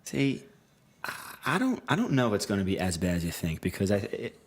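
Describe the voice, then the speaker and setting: Young Philly guy, lowish voice, stop-start casual podcast banter. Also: huge pitch swings, husky. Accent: Philadelphia. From Philadelphia. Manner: halting, restarts often, reads aloud. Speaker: podcast co-host. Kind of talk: casual chat.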